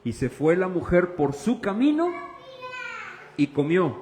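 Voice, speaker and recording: A man preaching a sermon as pastor, questioning the congregation and swinging from loud to hushed. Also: high-pitched, big pitch swings, unhurried, long reverb tail, rough recording. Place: church.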